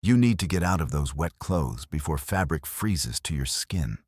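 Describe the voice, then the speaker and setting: A man voicing a steady, protective warrior who gives calm, matter-of-fact instructions in a storybook reading. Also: a bass voice, normal speed, husky, no echo, studio quality, heavily acted. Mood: firm.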